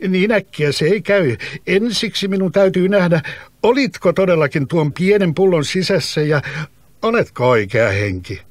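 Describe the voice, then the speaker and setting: A man's voice: high voice, animated, no room sound, pitched above the performer's own voice. Man doing a bold, clever young boy. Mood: defiant. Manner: eager, brisk, self-assured replies. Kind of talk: storybook reading.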